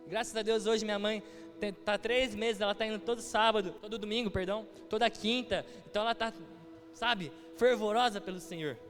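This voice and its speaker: Young Brazilian man, high-pitched preacher, heartfelt testimony style; long reverb, soft music underneath. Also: steady tone, brisk. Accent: Brazilian Portuguese. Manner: heartfelt storytelling, acting out quoted dialogue. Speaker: guest preacher. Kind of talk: testimony sermon. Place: church hall with music behind.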